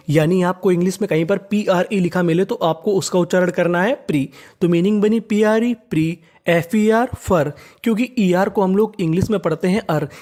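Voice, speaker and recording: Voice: medium pitch, a little mellow. Methodical Indian English pronunciation teacher. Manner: methodical, repeats each word slowly several times. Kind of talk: step-by-step spelling and pronunciation lesson.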